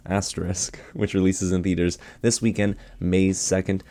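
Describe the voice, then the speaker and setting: A man with a low, mellow voice hosts his own channel, chatting eagerly with viewers in a casual movie review while recovering from a cold.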